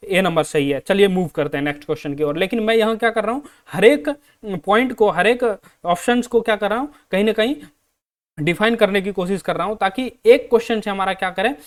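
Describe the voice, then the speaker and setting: An Indian man with a Hindi accent, teaching an exam-prep lesson in Hindi and English. He asks his own questions and answers them, and reads the English sentences out slowly. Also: high-pitched. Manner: repeats questions to students and answers them himself.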